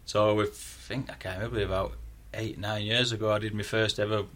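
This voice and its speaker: Fast-talking Yorkshire man. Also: on the low side, fairly even intonation, a bit bright. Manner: chatty, rambling, with frequent restarts. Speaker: cake maker, guest. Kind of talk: casual chat.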